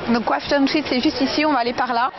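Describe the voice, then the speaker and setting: A woman's voice: high voice, fairly even intonation, quick pace. A young woman from Brittany, chatting with hesitant fillers while showing someone around a city. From Brittany, France. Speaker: student giving a city tour. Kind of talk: casual chat walking through the city. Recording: muffled, loud crowd and music.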